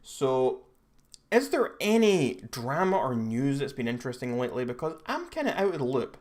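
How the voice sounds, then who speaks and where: A man's voice: mid-range voice, very animated, moderate pace. A young Scottish man hosting a live stream, chatting casually and rambling with frequent restarts and self-corrections. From Scotland. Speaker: livestream host.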